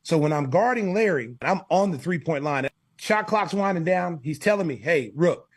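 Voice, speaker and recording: A man's voice: sits high, brisk. A former basketball player, a man, telling a story in an interview and acting out the dialogue. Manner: animated, acts out the dialogue.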